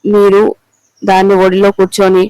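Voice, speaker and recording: A man reading the lines of an angry middle-aged wife who accuses her husband of betrayal, in an even, clear voice. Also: mid-range voice, moderate pace, no room sound, close to an everyday voice, poor audio. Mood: accusing. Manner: accusing, bitter.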